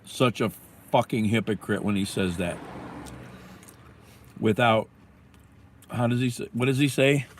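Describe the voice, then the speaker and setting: Man, livestream host, in a car, slow rambling talk, swears a lot. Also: fairly low pitch, a little hiss or hum. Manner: profane, angry, rambling. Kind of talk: casual livestream commentary.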